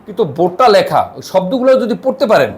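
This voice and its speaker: A male language teacher with a Bangladeshi Bengali accent leads a class lesson, drilling pronunciation, saying words slowly and repeating them, and checking that students follow. His high, very animated voice swoops up and down, with a little hiss or hum on the recording.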